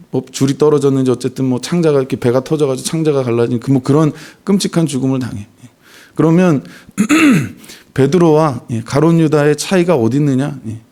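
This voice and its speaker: Male pastor preaching, warm dark voice, chatty, keeps saying "yeah" between bits. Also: mid-range voice. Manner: conversational preaching, frequent "예" fillers. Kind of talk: sermon.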